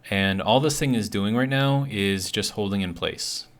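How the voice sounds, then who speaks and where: Hosting a gaming video series, a man offers casual gameplay commentary, thinking aloud in a hesitant way. His voice is on the low side and fairly bright, at normal speed, and his articulation is slightly awkward because of a bitten tongue that's still healing.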